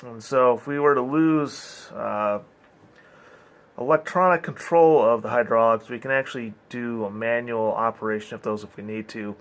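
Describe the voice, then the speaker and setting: A man with a mid-pitched voice gives an informal walk-through as a boat crew member. He explains things in a practical, matter-of-fact way, as someone showing equipment by hand in an engine room. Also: a bit bright.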